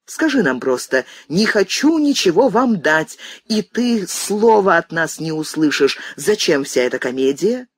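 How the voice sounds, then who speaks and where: A woman's voice: fairly low pitch, sing-song, unhurried, husky, no room sound, heavily acted. A woman reading an audiobook voices an anguished grown son, weary and pleading, who turns bitter with his mother. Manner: pleading, restrained, then bitter.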